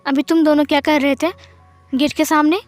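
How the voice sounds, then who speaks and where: A woman doing a loud, prying young man. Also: sits high, little pitch movement, brisk, faint music behind, natural voice. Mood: demanding. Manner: loud, pressing questions. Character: demanding, suspicious young man friend.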